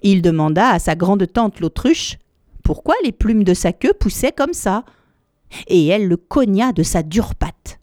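A woman storyteller narrating a children's tale in a lively, expressive manner. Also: mid-range voice, measured pace, no echo, clean studio sound. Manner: lively and expressive, changing voices for each animal.

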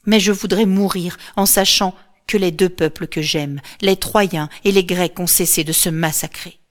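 A woman voicing a grieving, hardened widowed queen who speaks in a flat, cold, measured way. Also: lowish voice, natural voice. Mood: bitter.

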